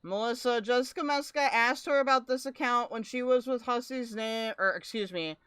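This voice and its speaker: A woman's voice: a little high, moderate pace, fairly bright tone, clear, resonant tone, dry recording, studio quality. A woman streamer giving casual live commentary and reading chat comments aloud. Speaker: streamer reacting to a recording.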